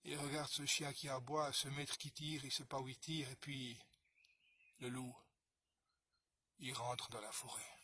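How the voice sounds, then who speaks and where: A man telling a folk tale as a storyteller, speaking expressively and swinging from hushed passages to loud ones. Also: medium pitch, level tone, a little slow, pauses often, slightly rough.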